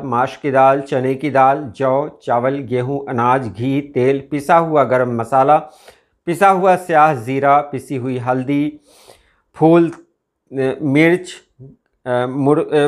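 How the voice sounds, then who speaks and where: A man from India giving an unscripted explanatory talk as a video host, speaking in a measured way with frequent "uh" pauses. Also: fairly high pitch.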